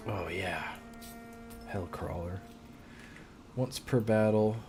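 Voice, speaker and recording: A man's voice: low voice, takes it slowly, music in the background. A man casually commentating his gameplay, thinking aloud and muttering his plans as he goes. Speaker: gamer.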